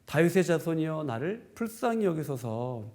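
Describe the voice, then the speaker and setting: A man's voice: fairly high pitch, sing-song, normal speed, a little mellow. A male pastor voicing a desperate blind beggar who cries out and pleads for mercy. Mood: pleading. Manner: pleading, crying out.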